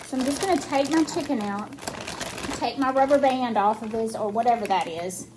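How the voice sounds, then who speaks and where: A high-pitched woman talks viewers through her cooking step by step. Her speech is slightly hampered by new dental braces. She is casual and folksy, with faint household noise and crinkling in the background. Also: moderate pace. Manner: chatty, folksy, narrating each step as she works. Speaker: home cook hosting a cooking vlog. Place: home kitchen while cooking.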